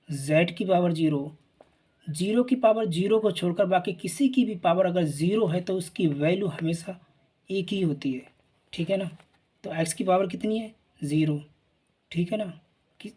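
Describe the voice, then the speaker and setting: A male teacher walks through a math lesson in a husky, slightly breathy voice. His tone is mellow and dark, and he keeps checking in with listeners as he works. He asks himself questions and answers them in a patient, repetitive rhythm. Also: high voice. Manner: repeats "theek hai na", asks and answers his own questions. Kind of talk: explaining at a board.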